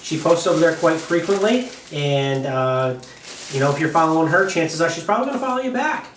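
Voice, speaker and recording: A man's voice: a little high, lively intonation, a little fast, fairly bright tone. A middle-aged man from New York chatting casually with his family at home, easygoing and jokey, trailing off with fillers. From New York, USA. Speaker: father and channel co-host. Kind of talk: casual family vlog chat. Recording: echoey room, far from mic, faint noise.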